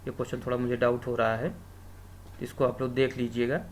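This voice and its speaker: A man's voice: mid-range voice, level tone, slight background noise. A man teaching an exam-prep lesson, asking questions aloud and answering them himself, sometimes drawing out sounds. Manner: asks questions then answers them himself, drawn-out syllables.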